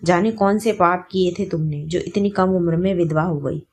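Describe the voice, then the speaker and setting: A woman's voice: fairly low pitch, steady tone, normal speed, lightly acted. A woman voicing a harsh, taunting mother-in-law who scolds her widowed daughter-in-law in a spoken story. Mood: shouting scold. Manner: sharp, taunting and shouting.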